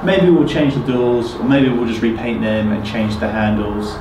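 A man's voice: on the low side, moderate pace, noisy background. Man touring an echoey empty house. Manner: relaxed, thinking aloud with many ums. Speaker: property renovator. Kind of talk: casual walkthrough vlog. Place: empty house, bare indoor rooms. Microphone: camera mic at a distance. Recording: echoey empty rooms, slightly distant mic.

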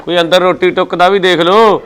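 An actor playing a complaining bachelor uncle in a Punjabi village family drama, speaking with a Punjabi accent. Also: male voice, sits high, fairly even intonation, a little fast, a bit bright, clear, resonant tone. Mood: quarrelsome. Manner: complaining, self-pitying.

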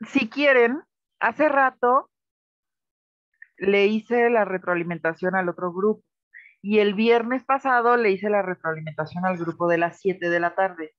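A Mexican-accented woman teaches over a video call, explaining each point patiently and checking in with her students. Her voice sits at a middle pitch. The sound is dry and somewhat dull. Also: measured pace, no echo. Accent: Mexican Spanish. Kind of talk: online class feedback lecture.

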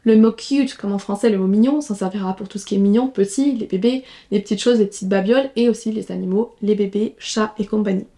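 Woman, English teacher, mellow tone, models example sentences slowly. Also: mid-range voice. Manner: slow, careful model sentences. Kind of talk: language lesson.

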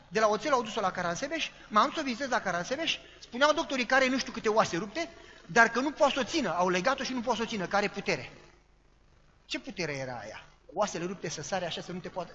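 High bright preacher in a reverberant hall. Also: male voice, a little hiss or hum. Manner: dramatic storyteller acting out quoted voices and sound effects. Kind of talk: sermon storytelling. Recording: dull sound with long hall reverb.

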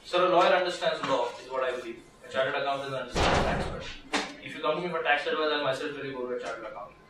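A lawyer in his thirties with an Indian English accent gives a conversational legal workshop talk, speaking rapid-fire in a medium-pitched voice with lots of restarts and fillers while gesturing as he stands. He's recorded by a far camera with no mic in a small seminar room with a projector, so the sound is echoey, distant, and noisy.

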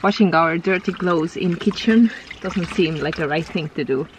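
Speaking at a moderate pace in a fairly low voice, a hiking vlogger chats casually to camera while outdoors on a mountain trail. She's easygoing and chatty, often laughing between remarks, and there's slight background noise.

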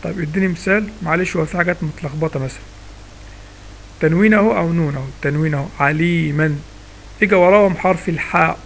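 A man's voice: a little high, racing, gravelly, a little hiss or hum. A man with an Egyptian accent teaching a recitation lesson in a casual spoken style. He asks himself questions and then answers them step by step. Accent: Egyptian Arabic.

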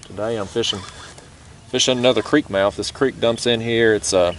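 A young man fishes from a kayak on a foggy river and talks casually to the action camera mounted there, as fishing vloggers do. His fairly low voice is steady and a bit bright at a normal speed, his manner easygoing and chatty with a drawled "y'all" and "ain't". Faint river noise comes through.

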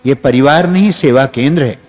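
A man's voice: medium pitch, normal speed, darkish tone. A man giving a spiritual discourse to an audience, leading guided affirmations and repeating phrases. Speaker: spiritual teacher. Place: large hall with an audience. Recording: long reverb from a hall.

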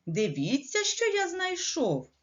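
A woman's voice: very high-pitched, huge pitch swings, slow pace, pitched above the performer's own voice, full character voice. A woman voicing a patient, hardworking little rooster in a storybook tale, on a dull lo-fi recording. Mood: calling out.

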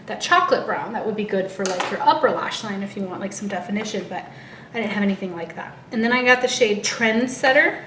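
A woman's mid-range voice, sharp in tone with lively intonation, moves a little fast as this American beauty vlogger in her thirties chats informally to camera. She is heavily pregnant and somewhat out of breath, filming in her living room at home. The camera is a short distance away, and the audio has a roomy echo and light background noise.

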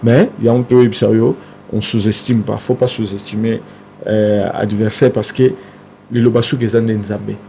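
A man talking as a guest in an interview. He gets animated, repeats himself and trails off. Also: on the low side, moderate pace, vocal fry, slight background noise. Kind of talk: casual interview talk.

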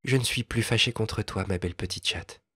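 A man voicing a kind young lady in a storybook reading, speaking softly and coaxingly. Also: on the low side, fairly quick, slightly rough, dry recording, studio quality. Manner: soft, coaxing, tactful.

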